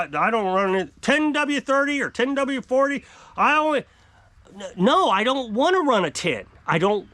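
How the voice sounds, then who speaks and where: A man's voice: extremely high pitch, sharp tone, no room sound. A man in his fifties ranting to camera outdoors on a porch, exasperated and emphatic as he talks about his homestead life. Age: 50s. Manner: exasperated, emphatic, gesturing widely. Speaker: off-grid homestead vlogger. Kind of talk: frustrated rant to camera. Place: outdoor covered porch by woods.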